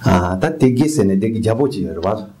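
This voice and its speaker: A man in his seventies from Kham in Tibet, giving a rambling, halting oral history interview. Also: on the low side, expressive, noisy background. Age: 70s.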